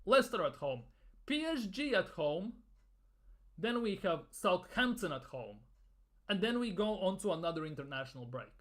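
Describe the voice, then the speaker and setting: A man's voice: high-pitched, big pitch swings, normal speed, fairly bright tone. A man ranting in a football fan commentary video, exasperated and sarcastic, with some swearing.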